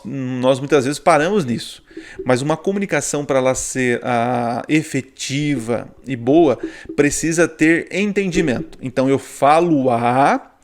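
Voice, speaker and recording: A married man with a Brazilian Portuguese accent teaching a casual online Bible study, often tagging his sentences with "né?" and "tá?". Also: medium pitch. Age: adult, married. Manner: chatty, peppers speech with "né?" and "tá?". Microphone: sharing screen on a video call.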